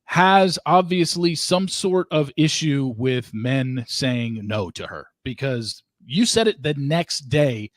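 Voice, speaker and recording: A man's voice: medium pitch, lively intonation, slow pace, hardly any pauses, dry recording. A man hosting a podcast interview, emphatically recapping events for his guest and voicing disbelief. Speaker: podcast host.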